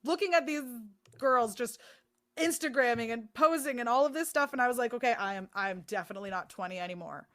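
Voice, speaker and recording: A woman in her thirties co-hosting a podcast, telling stories in a casual, animated way and swearing freely. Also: a little high, quick pace. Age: 30s. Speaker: podcast co-host. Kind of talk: casual chat.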